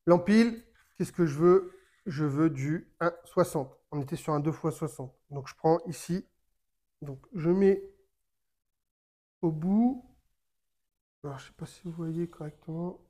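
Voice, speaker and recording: Man, slightly high voice, casual how-to, halting, many fillers and restarts, talks while handling gear. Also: warm tone. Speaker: fishing tutorial maker.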